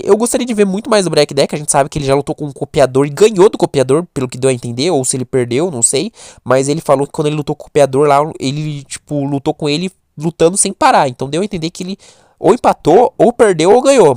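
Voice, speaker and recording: A man's voice: a little high, fast, a little mellow, dry recording, clean studio sound. A young man from Brazil, giving rambling casual commentary full of fillers and restarts. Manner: rambling, self-correcting, lots of fillers. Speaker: commentator on webtoon characters. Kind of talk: casual talking-head commentary.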